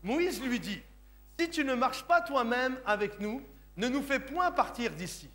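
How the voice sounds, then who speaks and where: This pastor, French with Sicilian parents, preaches with a forceful, bright, extremely high voice that is very animated yet measured in pace. His delivery is emphatic, and he keeps asking the congregation "Comprenez-vous?".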